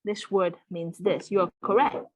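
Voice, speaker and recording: A woman's voice: medium pitch, fairly even intonation, measured pace, darkish tone, no room sound. A woman teaching an online Mandarin lesson in English, patiently repeating words and checking in with her students. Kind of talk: live online language lesson.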